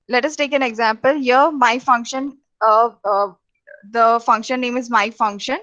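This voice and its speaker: Halting woman lecturing, lo-fi sound. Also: on the high side, fairly bright tone. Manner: halting, many fillers and restarts. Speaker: programming teacher. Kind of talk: lecture over slides. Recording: dull lo-fi recording.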